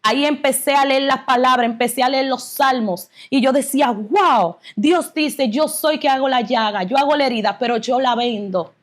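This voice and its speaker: A woman's voice: high-pitched, fairly quick, few pauses. A woman giving an earnest, fervent religious testimony as an interview guest, retelling her story with emotion.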